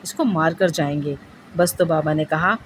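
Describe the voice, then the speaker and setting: A woman's voice: low-pitched, slight background noise, rough recording. Woman telling a ghost story. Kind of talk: first-person ghost story narration.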